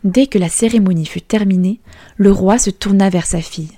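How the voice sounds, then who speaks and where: A woman storyteller narrating a fairy tale in a calm, measured way. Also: medium pitch, soft background music.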